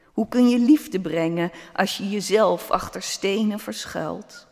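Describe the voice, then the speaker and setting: A man voicing a small, wise talking pebble, speaking softly and calmly in a storybook. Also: high-pitched, a little slow, gravelly. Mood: calm, gentle. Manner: soft, calm, quietly persuasive. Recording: long hall reverb.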